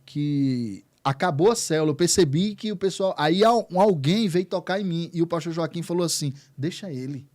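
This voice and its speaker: A man's voice: on the high side, moderate pace, hardly any pauses, darkish tone. A man, a pastor, telling his testimony as an interview guest, earnest and repeating words for emphasis. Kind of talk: emotional testimony in conversation.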